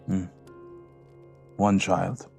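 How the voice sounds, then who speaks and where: An actor playing Scrooge, an older gentleman reliving his past, with a theatrical, emotional manner in an audio play. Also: sits low, flat delivery, drawn-out words, vocal fry, breathy edge, soft background music, heavily acted. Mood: subdued. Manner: theatrical, repeats himself, exclaiming.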